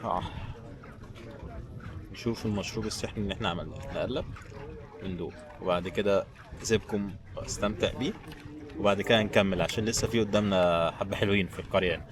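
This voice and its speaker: This Egyptian-accented travel vlogger has a lowish, fairly even voice; he talks quickly but leaves long pauses while walking and chatting informally to his viewers. The busy tourist village around him adds crowd and street noise.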